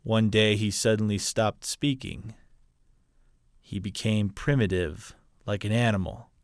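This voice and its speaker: A man playing a hardened, ruthless military officer, a colonel delivering a grave, deliberate dramatic film monologue. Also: on the low side, fairly even intonation, dry recording, studio quality. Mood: grave, explanatory. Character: hardened, ruthless military colonel justifying his brutal mission.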